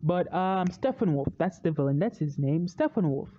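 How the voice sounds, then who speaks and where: A movie review vlogger ranting casually and opinionated, animated, swinging into loud excited outbursts and repeating words when worked up. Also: medium pitch, normal speed, dull audio.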